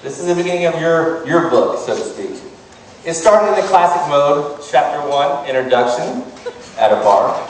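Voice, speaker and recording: A man's voice: on the high side, animated, moderate pace. A man giving a casual, joking best man's toast at a wedding, telling comic stories. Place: large room at a wedding reception. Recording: echoey hall, distant mic, noisy crowd. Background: wedding guests and crowd noise.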